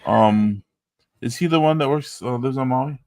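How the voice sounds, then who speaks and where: A man's voice: medium pitch, normal speed, darkish tone, no room sound. A man co-hosting a casual art stream, talking about coloring with dry sarcastic humor on a desk microphone. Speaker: co-host and colorist.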